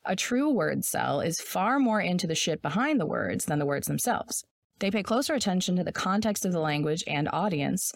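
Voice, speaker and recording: Woman w a sore raspy throat reading her essay fast, swears a lot, dry mic. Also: on the low side, very animated, no room sound. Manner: profane, blunt, reads quickly. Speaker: podcast co-host. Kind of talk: casual chat and reading an essay aloud.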